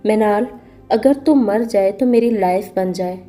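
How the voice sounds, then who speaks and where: Woman doing a harsh angry husband, scolding, dark tone. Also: medium pitch, soft background music, natural voice. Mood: cruel. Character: brutal, angry, uneducated husband.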